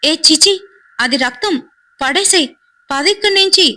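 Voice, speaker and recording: A woman voicing a panicky young man, shrill. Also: expressive, measured pace, heavily acted. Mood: alarmed. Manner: shrill, loud, alarmed exclamations. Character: frightened young man disgusted then panicking.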